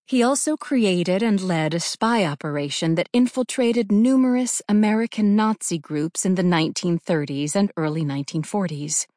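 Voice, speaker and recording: Lady reading an audiobook, kinda low voice, steady and measured, dry close sound. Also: no echo. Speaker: audiobook narrator. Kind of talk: scripted narration.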